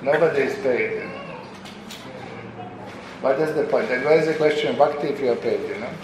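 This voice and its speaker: A man's voice: medium pitch, brisk. A man from Europe giving an informal spiritual question-and-answer talk as a visiting preacher, telling anecdotes, saying "you know" often and acting out the voices he quotes. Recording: very echoey room with clear background noise.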